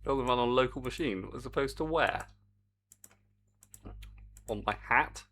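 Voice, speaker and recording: A man with a medium-pitched, slightly bright voice streams his game development work, speaking at a measured pace. He chats to viewers while coding in a rambling, self-deprecating way.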